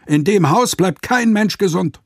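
A man's voice: high-pitched, lively intonation, unhurried, no echo, studio quality, voice pushed up, full character voice. A man voicing a fussy, scolding master shoemaker in a radio fairy tale reading, raised and lecturing. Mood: indignant scolding.

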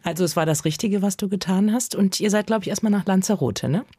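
A woman's voice: mid-range voice, quick pace, dark tone, slightly rough, no echo. A woman hosts a conversational studio interview in German, prompting her guest with short tag questions. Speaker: radio or podcast interview host.

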